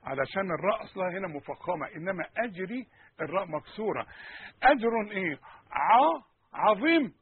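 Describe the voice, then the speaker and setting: Egyptian guy teaching quran pronunciation, high voice, tinny phone-ish dry sound. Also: fairly quick, breathy edge, no room sound. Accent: Egyptian Arabic. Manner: animated, repeats sounds and asks the listener questions.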